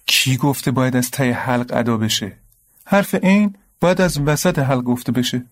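A man plays a patient tutor figure in a radio drama. His voice sits in an ordinary middle pitch. He explains calmly and firmly, holding his ground. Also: close to an everyday voice. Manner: calm, instructive, firm. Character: patient, knowledgeable young man correcting a friend.

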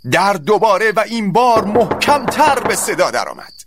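A man narrating a scripted story in a dramatic, expressive way. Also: sits high, music in the background.

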